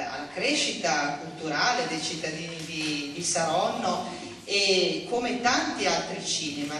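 A woman in her fifties, a city culture councillor, giving an earnest speech on a theater stage into a handheld microphone, with frequent pauses and hesitations. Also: lowish voice, a bit bright, a little hiss or hum. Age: 50s. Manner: earnest, measured, with many hesitations. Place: large theater hall, on stage before an audience. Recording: echoey hall, voice from a distance.

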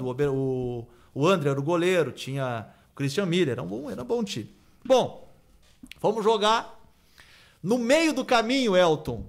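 High-voiced radio man. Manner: animated anecdote-telling with frequent "né?" tags. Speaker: radio sports commentator. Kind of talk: casual studio storytelling. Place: radio studio.

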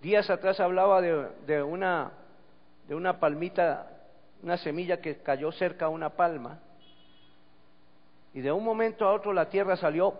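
A man's voice: high-pitched, moderate pace, pauses often. A man preaching a sermon, telling stories and reading scripture with rising emphasis. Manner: storytelling, swelling to emphatic reading. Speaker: pastor. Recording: dull lo-fi church recording with long reverb.

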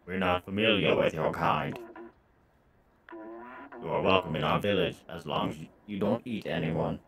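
A man voicing a robot villager in a slow, low, measured robot voice while reading game dialogue aloud. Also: creaky, crowd noise. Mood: wary.

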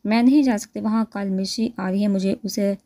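A woman's voice: medium pitch, steady tone, no room sound, natural voice. A woman voicing a stubborn young woman who pleads and protests, read in a plain storytelling voice. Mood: pleading. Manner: pleading then shouting. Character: innocent young woman, stubborn and angry heroine.

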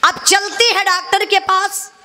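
High-voiced woman storyteller. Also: flat delivery, a little slow, bright, forceful tone. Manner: addresses listeners as brother. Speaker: folk storyteller singer. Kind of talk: dramatic folk ballad narration.

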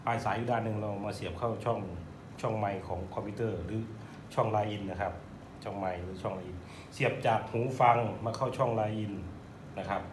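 A man's voice: on the low side, steady tone, a little fast. A man from Thailand, a police radio officer, giving a polite step-by-step how-to demonstration. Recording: roomy, distant mic, clearly noisy background.

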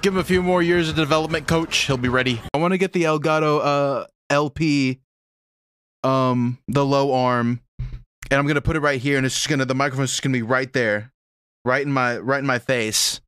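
A young man commentating his own live game stream, excitable, swinging between low mumbles and sudden yells. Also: a little fast, smooth, no room sound, studio quality. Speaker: gaming streamer.

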